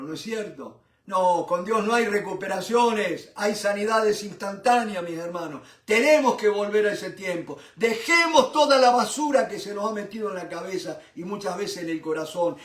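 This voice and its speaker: A man's voice: high-pitched, a bit bright, roomy sound, far from the mic. A man preaching a Bible study sermon with fervor, calling his listeners brothers. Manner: fervent, addresses listeners as brothers.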